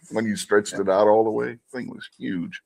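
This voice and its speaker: A man on a podcast panel, relaxed and agreeable, sharing memories. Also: on the low side, measured pace, vocal fry. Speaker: panel guest. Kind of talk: casual panel chat.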